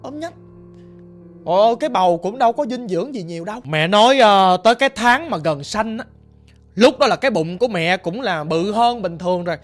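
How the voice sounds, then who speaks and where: A woman with a Southern Vietnamese accent telling a ghost story in a lively, emphatic, conversational way. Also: medium pitch, fairly quick, soft background music.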